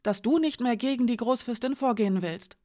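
A woman's voice: fairly high pitch, fairly quick, a little mellow, voice pushed up, close to an everyday voice. A woman reading an audiobook, voicing a young woman full of guilt who pleads through tears. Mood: accusing. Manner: pleading, emotional.

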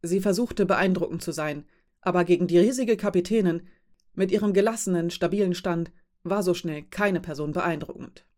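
A woman narrating a fantasy story as an audiobook reader, in an even, measured way. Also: on the low side.

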